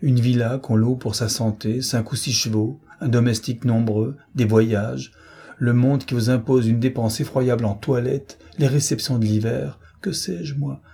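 A man reading a storybook, voicing a vain, languid young rich woman in an affected, weary, condescending manner with a husky voice. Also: mid-range voice, fairly even intonation, moderate pace, dark tone.

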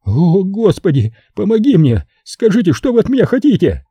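A man voicing a terrified, begging pimp and bar owner in a high, panicky voice. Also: huge pitch swings, moderate pace, dark tone, husky, no room sound, heavily acted. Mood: pleading.

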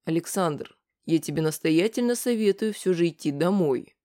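The reader voicing a calm, menacing grown man who speaks slowly and quietly in an audiobook. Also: medium pitch, natural voice. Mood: calm threat. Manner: slow, quiet, measured.

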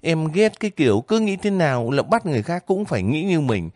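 A man voicing a lively, homesick young girl soldier who talks eagerly and breaks down in tears, in an audiobook reading. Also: on the high side, brisk, dry recording, voice pushed up. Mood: chatty. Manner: chatty, emotional, breaks into crying.

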